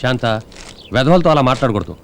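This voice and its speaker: An actor playing a stern, sardonic master of the house in a Telugu film comedy. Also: male voice, medium pitch, sing-song, fast, vocal fry, fairly bright tone, slight background noise.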